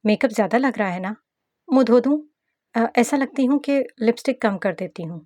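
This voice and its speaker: A fretful young bride, voiced by a woman narrating a novel speaks up high and pleading, always on the edge of tears. The recording is close and completely dry. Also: animated, moderate pace, darkish tone, no room sound. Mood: anxious. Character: young bride, anxious and easily tearful. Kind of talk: scripted novel narration with acted dialogue.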